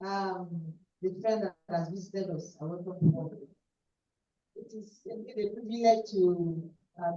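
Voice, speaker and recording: Effusive Nigerian woman welcoming a meeting. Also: mid-range voice. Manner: effusive, flattering. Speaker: club member giving welcome. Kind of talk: warm speech to a meeting. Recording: echoey hall, distant mic, dull sound.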